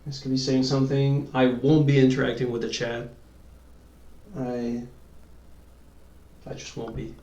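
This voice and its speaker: A man with a French accent doing live, chatty commentary on a competitive online game, reacting quickly to plays. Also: mid-range voice, flat delivery, warm tone, muffled recording. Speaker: esports commentator. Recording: echoey room, distant from mic.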